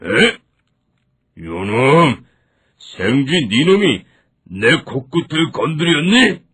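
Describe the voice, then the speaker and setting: Gruff husky lion king, slow drawl, big swoops, storybook. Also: very animated, fairly bright tone, heavily acted. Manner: gruff, booming laughs and groans. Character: proud blustering male lion king.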